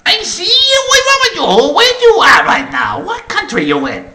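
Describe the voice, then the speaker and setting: A man voicing an indignant caller who speaks broken English, pitched high with whiny, drawn-out words. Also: wildly swooping pitch, creaky, sharp tone, full character voice. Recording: roomy echo, faint noise.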